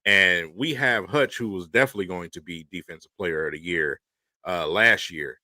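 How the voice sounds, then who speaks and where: Man, sports panelist; very deep, forceful voice, emphatic and repetitive, dry sound. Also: normal speed, no room sound. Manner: emphatic, repeats points for stress. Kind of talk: casual sports roundtable chat.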